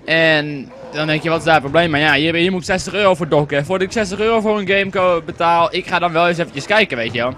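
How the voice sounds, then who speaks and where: A man's voice: a little high, quick pace, few pauses, bright, forceful tone, slight background noise. A young man giving casual, rambling commentary while playing a game, and swearing when it lags. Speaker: gaming commentator. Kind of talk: casual let's-play commentary.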